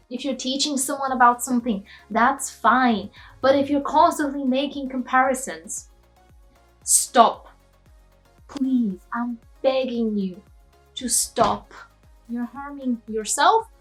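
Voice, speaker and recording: A young woman from Eastern Europe rants in an opinionated vlog, emphatic and a little preachy. Her voice sits fairly high. Faint music plays behind her. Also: fairly bright tone, poor audio. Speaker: study abroad vlogger.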